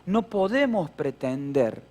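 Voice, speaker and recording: A man's voice: sits high, big pitch swings, takes it slowly, a little mellow. A middle-aged man with a Rioplatense Spanish accent, preaching a sermon as pastor and telling a childhood story with playful humor and acted-out voices.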